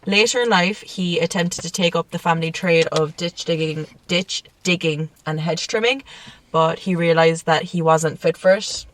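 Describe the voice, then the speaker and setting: A woman's voice: lowish voice, normal speed, far from the mic, a little hiss or hum. A woman co-hosting a casual true-crime podcast, telling the story with frequent laughs and swearing. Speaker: podcast co-host. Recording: dry sound, set back from the mic.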